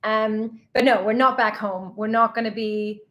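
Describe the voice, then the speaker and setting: Chatty Swedish woman, a bit high. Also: fairly even intonation, highs cut off. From Sweden. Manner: chatty, laughs often, quick asides. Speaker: travel vlogger co-host. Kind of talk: casual live Q&A chat.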